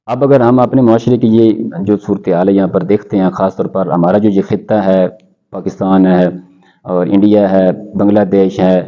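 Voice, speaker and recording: A man who teaches Quran recitation, answering interview questions in a measured way and quoting scholars in Arabic. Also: sits low, level tone, dark tone, lo-fi sound.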